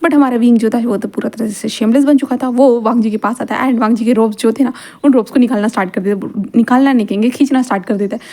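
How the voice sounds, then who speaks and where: Fast-talking young woman narrator. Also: a little high, steady tone, warm tone. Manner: rambling, frequent restarts and repeated fillers. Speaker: storyteller. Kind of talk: casual fan-fiction narration.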